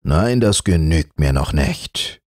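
A man's voice: extremely low pitch, lively intonation, takes it slowly, a little mellow, no echo, studio quality, heavily acted. A man voicing an ancient, dignified monkey king in a fairy tale audiobook, grave and majestic. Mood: stern.

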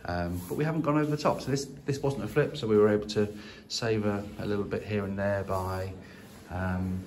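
In a casual walkthrough video of a vacant house, a property investor talks into a handheld phone at arm's length, often using fillers and restarting. His fairly low voice is brisk and a little mellow, with slight background noise.

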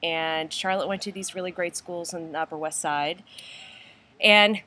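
A woman's voice: fairly low pitch, normal speed, sharp tone. A middle-aged woman, chatting casually and telling stories with frequent laughter. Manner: chatty, laughs often, tells stories animatedly. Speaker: host. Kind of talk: casual chat.

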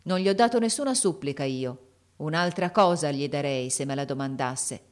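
A woman's voice: low voice, animated, normal speed, darkish tone. A woman reading the part of an old male army veteran, speaking in a fervent, heartfelt way as he remembers. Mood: proud.

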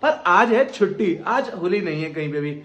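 A man's voice: sits high, expressive, moderate pace, a bit bright. A young man chatting to his viewers in a casual, joking travel vlog, talking them through his day on a trip. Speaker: vlogger.

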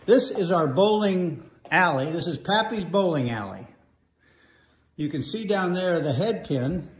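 A man's voice: a little high, lively intonation, unhurried. A man in his sixties hosting a playful, rambling how-to demonstration in a home hallway, recorded on wireless earbuds. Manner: joking, playful, rambling with fillers. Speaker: host. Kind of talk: comic how-to demo. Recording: echoey hallway with faint noise.

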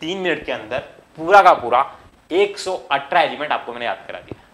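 A male chemistry teacher giving an online lecture, chanting memory rhymes line by line, coaxing students to repeat after him and checking understanding with quick questions. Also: fairly high pitch, lively intonation, noisy background.

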